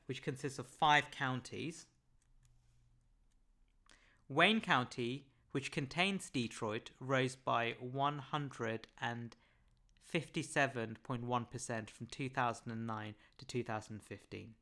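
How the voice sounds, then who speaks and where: A man presenting a webinar over slides, measured and often pausing with "um". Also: medium pitch, sharp tone. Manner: measured, frequent "um" fillers.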